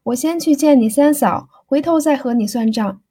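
A woman's voice: sits high, moderate pace, warm tone, lightly acted. A woman voicing an impatient, teasing young society woman in an audiobook reading, pressing and playful.

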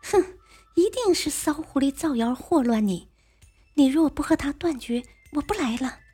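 A woman voicing a jealous, tearful young ghost girl in a high, resentful voice. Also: lively intonation, moderate pace, mellow, faint music behind.

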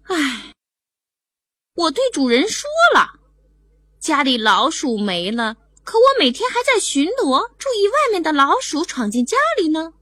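A woman's voice: high voice, very animated, measured pace, a bit bright, no room sound, exaggerated voice. A woman voicing an aggrieved spotted cat that whimpers and frets, near tears, in a storybook tale. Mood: plaintive.

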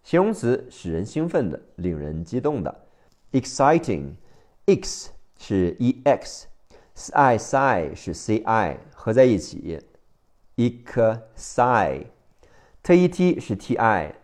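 A man with a Mandarin Chinese accent teaching English vocabulary by phonics, spelling each word letter by letter and repeating it slowly. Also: lowish voice, big pitch swings, a little mellow.

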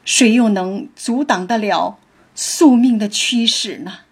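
A woman telling a story with reflective commentary, in a slow, thoughtful manner. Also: mid-range voice, breathy edge.

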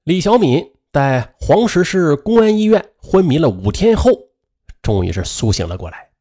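A man's voice: fairly high pitch, sing-song, normal speed, mellow. A man narrating a family true-crime story in a dramatic storytelling manner, drawing out his filler particles.

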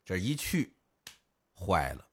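A man, co-hosting a podcast and telling a folk tale in lively, casual speech, putting on the voices of the villagers. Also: low voice, slow pace, breathy edge. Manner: lively storyteller, acts out village voices, northern colloquial. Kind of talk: casual storytelling chat.

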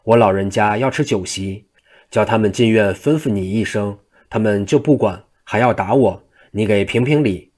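A man's voice: fairly low pitch, normal speed, a little mellow, natural voice. Jigong, a cheeky trickster monk, as a man puts him on. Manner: teasing, cheeky. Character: scruffy mischievous male monk, cocky trickster.

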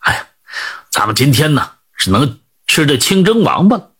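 A man's voice: a little high, very animated, normal speed, fairly bright tone, slightly rough, voice pushed down, full character voice. A man voicing a humble old fisherman father who speaks in a deferential, pleading way. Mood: pleased.

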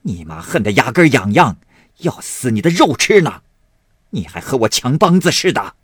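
A man voicing a quick-tempered old woman who scolds loudly, in a storybook reading. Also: big pitch swings, breathy edge, no room sound, clean studio sound. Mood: angry scolding. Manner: shrill, shouting, scolding.

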